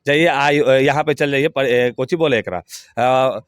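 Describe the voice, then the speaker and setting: A man's voice: medium pitch, unhurried, smooth, no room sound, studio quality. A man giving an interview, speaking in a heated, emphatic and abusive way. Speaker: interview guest. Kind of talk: heated, crude complaint.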